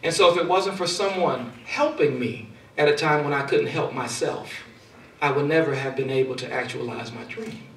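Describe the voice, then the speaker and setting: A man giving a motivational speech, telling a personal story, his loudness rising and falling for effect. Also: on the high side, normal speed, slight background noise. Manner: storytelling with dramatic swings in loudness. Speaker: speaker. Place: large hall. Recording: echoey hall, far from mic.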